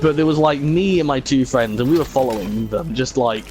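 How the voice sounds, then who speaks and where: A man rambles casually while playing a video game, swearing freely and often slipping into mocking imitations of other people. His voice is medium pitch, brisk, and darkish in tone; the audio quality is poor, with music playing behind him.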